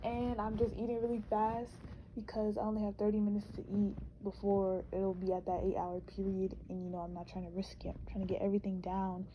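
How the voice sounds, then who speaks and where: A woman's voice: mid-range voice, level tone, a little fast, lo-fi sound, a little hiss or hum. A young woman narrating her vlog in a chatty, informal, casual voice-over. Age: young adult. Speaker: vlogger.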